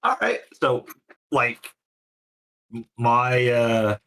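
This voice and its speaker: A man's voice: mid-range voice, very animated, very slow, bright, forceful tone, poor audio. A man playing in a tabletop game, talking hesitantly and rambling with lots of "like". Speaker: player. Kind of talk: casual tabletop play.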